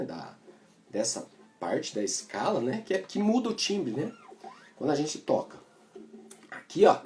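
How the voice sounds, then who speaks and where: A Brazilian man teaching cavaquinho in a casual, chatty way, explaining as he plays and tagging his sentences with little fillers. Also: mid-range voice. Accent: Brazilian Portuguese. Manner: chatty, explains while playing, many filler tags. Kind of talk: casual music lesson. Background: cavaquinho playing.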